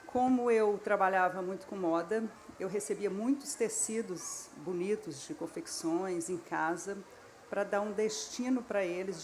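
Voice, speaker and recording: A woman's voice: mid-range voice, slight background noise. A woman with a Brazilian accent, an author and journalist, explaining her story plainly on a festival panel. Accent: Brazilian Portuguese. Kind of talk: panel talk. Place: stage at a literary festival.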